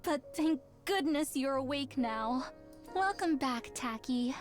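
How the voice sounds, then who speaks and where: An actress voicing a tender, devoted girl, gentle and earnest, in a video game. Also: sits high, expressive, takes it slowly, faint music behind. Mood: relieved, tender. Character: tender, devoted girl, caring childhood friend.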